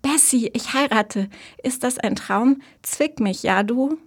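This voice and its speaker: A woman voicing an excited young girl who is about to be married, talking in a breathless, bubbly rush. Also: medium pitch, moderate pace, lightly acted.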